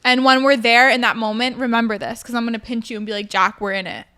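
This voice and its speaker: Bright, gushing millennial woman. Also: fairly even intonation, fast talker. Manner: millennial girl-talk, peppered with "like", "literally", "low-key"; gushing, emotional, emphatic. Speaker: show co-host. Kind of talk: casual chat.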